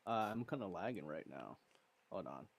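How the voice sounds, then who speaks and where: A man playing a tabletop game in casual chat, thinking out loud and second-guessing himself. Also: sits low, big pitch swings, moderate pace, gravelly, husky. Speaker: player in an online tabletop battle.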